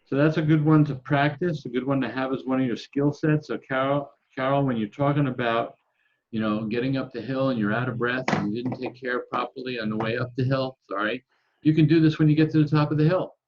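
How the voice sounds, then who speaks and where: A man leading a breathing lesson over a video call, calmly counting the breaths aloud. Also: medium pitch, muffled recording, slight background noise. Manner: calm, counting aloud slowly. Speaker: breathing instructor. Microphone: video call microphone.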